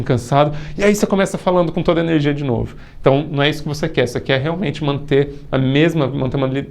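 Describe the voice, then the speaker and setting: Casual and step by step, a young Brazilian Portuguese-accented man talks through a video course lesson, occasionally starting over. He has a mid-range, darkish voice with some vocal fry.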